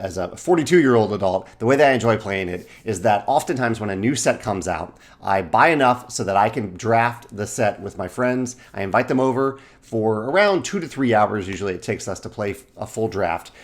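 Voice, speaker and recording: A man's voice: on the low side, lively intonation. Man in his forties, rambling chat. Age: 40s. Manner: rambling, self-correcting, listing titles in quick bursts. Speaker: game designer and channel host. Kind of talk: casual video monologue.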